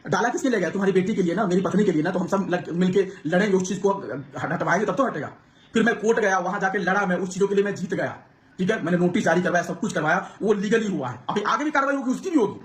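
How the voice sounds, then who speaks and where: Fast, high-voiced aggrieved man venting. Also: animated. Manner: aggrieved, rapid outpouring with many restarts. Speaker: vlogger. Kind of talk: emotional personal account to camera.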